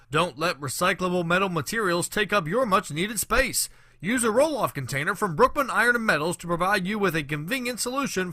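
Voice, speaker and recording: A man's voice: high voice, bright, forceful tone, dry recording, clean studio sound. A man reading local business commercials with an upbeat, salesy delivery. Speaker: commercial announcer. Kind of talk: read local radio ad.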